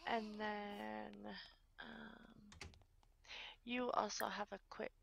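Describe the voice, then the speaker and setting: Slow, gravelly woman chatting over a game. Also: mid-range voice, flat delivery, background noise. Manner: chatty, talks to the game characters and viewers, drifts into whispering. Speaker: let's play host. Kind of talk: casual game commentary.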